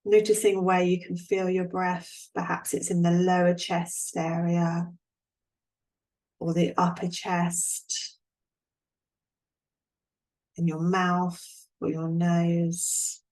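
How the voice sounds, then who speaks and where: Taking the role of instructor, a woman with a lowish voice talks listeners through a guided relaxation, soothing and calm, pausing at length without hurry.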